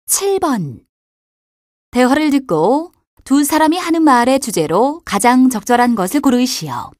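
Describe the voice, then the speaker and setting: A woman announcer reading exam question numbers and instructions in a brisk, formal way. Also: sits high, big pitch swings, a little mellow, no room sound. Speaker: test announcer. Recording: dry studio recording.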